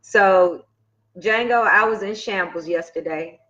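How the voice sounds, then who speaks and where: A woman's voice: mid-range voice, unhurried, a bit bright. Heartfelt woman co-hosting a radio show. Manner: heartfelt, storytelling. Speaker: co-host. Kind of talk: casual radio chat. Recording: dull lo-fi livestream audio.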